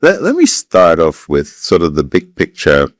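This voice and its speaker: A man's voice: deep voice, wildly swooping pitch, moderate pace, no room sound, studio quality. A man in his fifties from Ghana, a guest speaking thoughtfully in an interview, with many fillers and restarts. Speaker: guest, business advisor. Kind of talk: casual interview talk.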